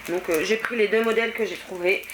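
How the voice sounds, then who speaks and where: A woman's voice: medium pitch, steady tone, fast. Chatty French woman with noisy background. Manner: chatty, many hesitations and fillers. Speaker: vlogger. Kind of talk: casual haul video chat.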